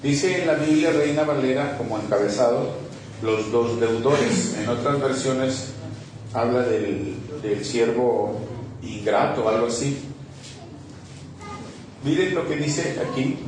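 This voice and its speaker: A man's voice: mid-range voice, unhurried, long pauses, recorded from a distance. A man preaching a sermon as pastor, reading scripture and pressing the listeners with repeated rhetorical questions. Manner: emphatic, asks the congregation rhetorical questions and repeats key phrases. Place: church hall. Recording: very echoey hall, voice from off mic, faint background noise.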